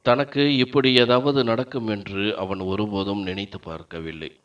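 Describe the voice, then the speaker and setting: A man narrating a first-person dramatic story in a steady storytelling manner. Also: on the low side, normal speed. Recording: dull lo-fi sound, faint background music.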